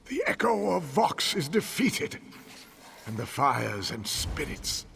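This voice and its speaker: A man playing an anguished, dying townsman spirit in a video game, speaking solemnly and haltingly with weary, dramatic pauses. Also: on the high side, very animated, gravelly, a bit bright, a little hiss or hum, exaggerated voice. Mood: weary, fading. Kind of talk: video game character acting.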